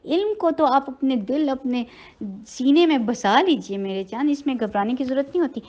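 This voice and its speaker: Brief: woman, recitation teacher, slightly high voice, slow measured recitation, gentle instruction, muffled lo-fi sound. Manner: slow drawn-out recitation between patient spoken instructions; gentle, encouraging. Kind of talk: tajweed lesson, recitation with explanation.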